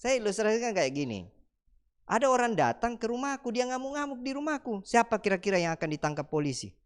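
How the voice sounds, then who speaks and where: A man's voice: sits high, sing-song, fast talker. A man giving a church teaching talk. He laughs often, asks teasing rhetorical questions and acts out little mock dialogues.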